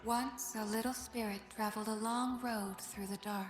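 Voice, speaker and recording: A woman voicing a serene, solemn spirit lamb of death, speaking in calm, measured, poetic lines for a video game. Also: fairly high pitch, noisy background, natural voice. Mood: gentle, storytelling. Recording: echoing game voice over loud music.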